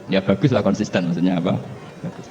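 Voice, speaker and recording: A male Islamic cleric with a Javanese accent and a rather low voice, giving a relaxed, humorous religious lecture. He tells stories, chuckles often and slips local words into his talk. The recording is dull and lo-fi, with a faint hiss behind him. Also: quick pace.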